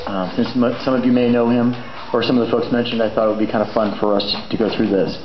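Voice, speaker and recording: A man's voice: medium pitch, level tone, fast talker. Middle-aged man, informal eulogy, conversational, hesitant, rambling asides, echoey room, slightly dull sound. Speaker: son of the deceased giving a eulogy. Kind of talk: informal eulogy at a memorial gathering. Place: large indoor memorial venue. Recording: echoey room, muffled, faint background noise.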